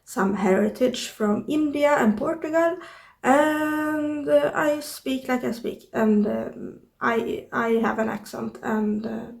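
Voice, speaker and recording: Talking to camera in a casual vlog, a young adult woman from Sweden speaks with a Swedish accent, hesitating often and using many fillers. Her voice is on the high side with vocal fry, and she takes things slowly. The sound comes from the device's built-in mic, not an external one.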